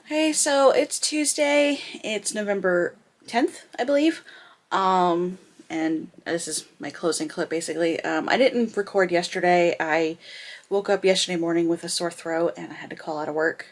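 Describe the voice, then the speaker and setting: A woman's voice: fairly low pitch, moderate pace, rough recording. Rambling woman vlogging at home. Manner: rambling, filler-heavy talk. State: slightly dry, scratchy throat. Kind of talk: casual vlog chat. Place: at home indoors. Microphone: compact vlogging camera's built-in mic.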